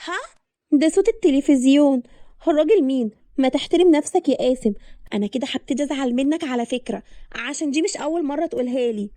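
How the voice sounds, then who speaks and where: A greedy young girlfriend, played by a woman narrator, talking back in a rapid, indignant rush. The voice is mellow and the sound is dry. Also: sits high, dry recording, lightly acted. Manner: defiant, indignant.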